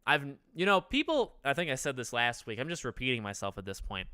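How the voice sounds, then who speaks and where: A young man with a nasal, mid-range voice hosts a casual gaming live stream from his living room, a couch behind him. He speaks in a sing-song way, fairly quickly, with a pushed, bright and smooth tone, rambling conversationally, restarting sentences and asking his chat questions. It's a gaming YouTuber's stream, recorded at studio quality with no room sound.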